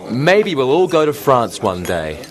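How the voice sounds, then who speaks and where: An actor playing an eager young man in a scripted dialogue for English learners, speaking clearly and with animation. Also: mid-range voice, sing-song, unhurried.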